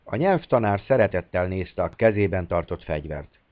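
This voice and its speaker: Low-voiced man reading an audiobook. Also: animated, dry recording, phone-quality sound. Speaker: audiobook reader. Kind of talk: audiobook narration.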